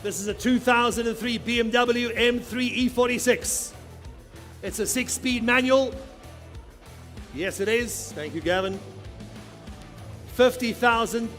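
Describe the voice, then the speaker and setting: A male auctioneer runs a live sale in a very high-pitched voice. He is commanding and insistent, chanting figures and pressing for bids. Music plays behind him. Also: a little slow, long pauses, a bit bright. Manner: insistent, commanding, urging bidders. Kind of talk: live auctioneer chant, rapid repeated bid calls.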